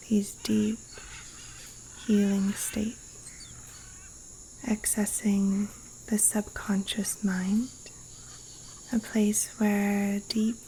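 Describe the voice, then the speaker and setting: Faint cricket and insect noise from the Costa Rican rainforest surrounds a woman as she guides a yoga nidra meditation outdoors. She speaks softly and breathily at a medium pitch, in a soothing way with long pauses. The recording quality is low, and wildlife sounds carry through.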